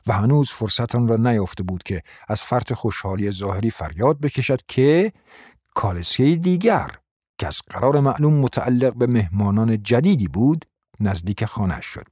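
A man reading a classic novel aloud as narrator, in measured storytelling delivery. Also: medium pitch, animated, mellow, husky, dry recording, clean studio sound. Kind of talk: scripted audiobook narration.

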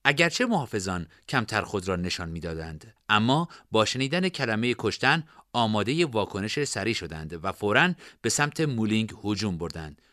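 A man narrating a fantasy story in expressive storytelling style. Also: fairly low pitch, few pauses, no echo, studio quality.

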